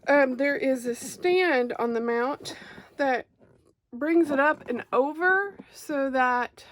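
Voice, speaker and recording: Woman, Arkansas Southern accent, high-pitched, chatty and hesitant, casual craft unboxing, faint background noise. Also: slow pace. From Arkansas, United States. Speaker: craft creator, unboxing host. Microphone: phone mounted overhead on a clamp.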